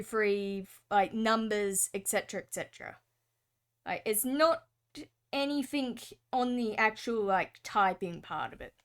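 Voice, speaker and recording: A young Australian woman with an Australian accent, chatting casually and rambling on with lots of fillers while she draws on stream. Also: fairly high pitch. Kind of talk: casual chat while drawing.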